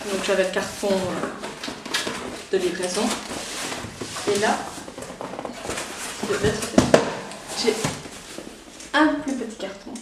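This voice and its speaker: Excitable Belgian woman, echoey room. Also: medium pitch, slow, pauses often, far from the mic, very noisy. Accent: Belgian French. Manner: chatty and excitable, many fillers. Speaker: YouTuber. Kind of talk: casual unboxing vlog. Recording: echoey room, voice somewhat off-mic.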